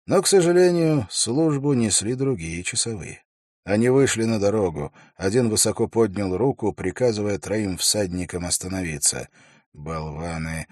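A man reading an audiobook in a measured, steady storytelling voice. His tone is deep and husky, recorded dry and close to the mic. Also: no room sound. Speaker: audiobook narrator. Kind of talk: scripted audiobook narration.

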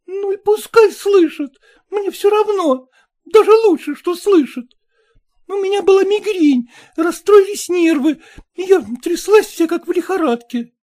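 A man's voice: extremely high pitch, pitched above the performer's own voice. A man voicing a petulant, hysterical young bride, reading a story aloud with sulky, ironic outbursts. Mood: agitated. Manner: sulky, ironic, quick to shout. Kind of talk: audiobook character voice.

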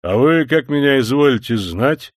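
A man's voice: medium pitch, expressive, moderate pace, no echo, clean studio sound, lightly acted. A man reading an audiobook, voicing an impatient grown man who grumbles and swears. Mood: irritated.

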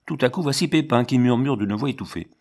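A man reading a novel aloud in measured, steady audiobook narration. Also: medium pitch. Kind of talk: scripted literary narration.

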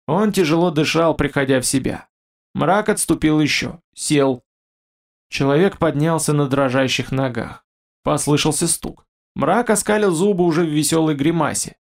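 A man narrating a fantasy audiobook in a steady storytelling manner. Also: fairly high pitch, moderate pace, vocal fry.

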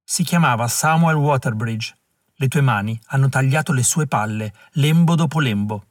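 A man's voice: mid-range voice, moderate pace, no echo, clean studio sound, lightly acted. A man reading a fierce widow pronouncing curses. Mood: grave. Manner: grave, cursing, prophetic. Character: fierce vengeful Mohawk widow, seer, woman.

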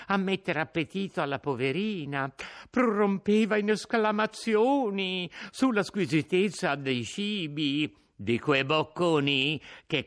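A man narrating a classic novel as an audiobook in a slow, expressive reading. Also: on the high side. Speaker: audiobook reader.

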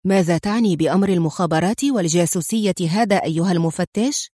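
A woman reading a calm, sarcastic male businessman under questioning, in an audiobook. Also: high-pitched, a little fast, no room sound, clean studio sound, close to an everyday voice. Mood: calm mocking. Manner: calm, mocking.

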